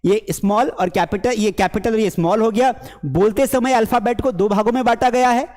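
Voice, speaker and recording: In a large hall, a man from India delivers a chatty spoken English lesson, posing questions and answering them himself while mimicking students. His voice sits high, his delivery is brisk, and his tone is darkish.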